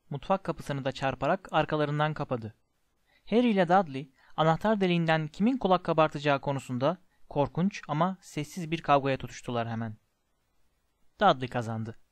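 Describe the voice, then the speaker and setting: A man narrating a story in a measured, expressive reading. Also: fairly high pitch, no echo. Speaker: audiobook narrator.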